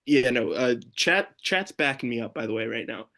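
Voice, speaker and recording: A young man ranting on a late-night sports podcast, exasperated and swearing freely. His voice sits at an ordinary middle pitch and he talks in a loose, casual chat style. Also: lively intonation, normal speed, pushed and bright. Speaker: podcast co-host.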